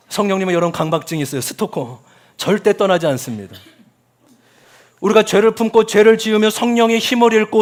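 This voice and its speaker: A man preaching a sermon as pastor, talking straight to the congregation with questions and calls to say amen, his voice swinging from loud cries to soft asides. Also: sits high.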